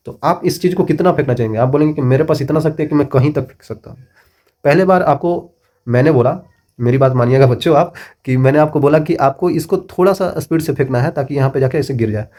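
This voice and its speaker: A man's voice: on the high side, warm tone. A middle-aged man teaching a physics lesson, explaining with repeated checks and everyday examples. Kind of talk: classroom lecture.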